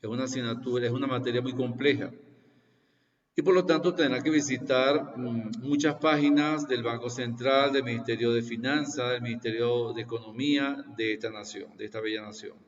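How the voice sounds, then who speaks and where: In his sixties, a university lecturer introduces an online class over a video call, speaking slowly, repeating points and often pausing to make sure students follow. His mid-range voice holds a steady tone but sounds distant in a roomy space, and the call audio is dull.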